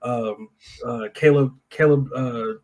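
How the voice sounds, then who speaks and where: A man's voice: mid-range voice, steady tone, takes it slowly, darkish tone. Man, mid-range voice, sports co-host, casual analysis, opinionated, informal wording.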